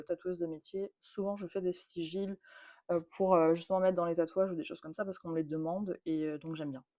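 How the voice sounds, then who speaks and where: A French woman with a French accent, a tattoo artist chatting casually as she unboxes tarot decks, repeating words and filling pauses with euh. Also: fairly low pitch.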